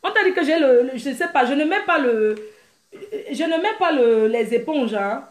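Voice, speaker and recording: Woman, live-stream host, high-pitched, brash, teasing, echoey room. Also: normal speed. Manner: brash, teasing, laughs often; animated, mimics crying sounds. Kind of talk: casual live-stream chat.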